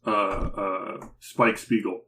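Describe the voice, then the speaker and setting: A man co-hosting a casual anime chat, retelling scenes in a rambling, animated way. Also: lowish voice, takes it slowly, slight background noise. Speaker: podcast co-host. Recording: roomy echo.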